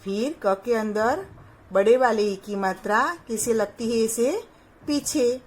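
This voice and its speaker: Slow, patient woman teaching children. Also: fairly high pitch, darkish tone, a little hiss or hum. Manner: sounds out each syllable slowly and clearly, asking the children questions. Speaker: primary school teacher. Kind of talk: slow, patient Hindi phonics lesson for young children.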